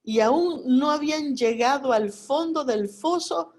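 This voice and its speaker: A woman's voice: high-pitched, a little slow. A woman preaching a Bible study, reading scripture verses aloud and addressing her listeners directly with emphasis. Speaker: Bible teacher.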